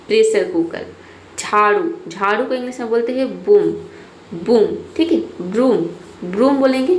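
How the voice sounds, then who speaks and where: A woman teaching English vocabulary, repeating each word slowly and often checking in with "theek hai". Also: mid-range voice. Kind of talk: vocabulary lesson, word lists with repetition. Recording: echoey room, faint background noise.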